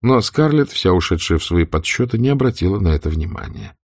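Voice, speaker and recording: Man narrating, low and lively. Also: a little fast, no echo, studio quality. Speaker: audiobook reader. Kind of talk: scripted narration.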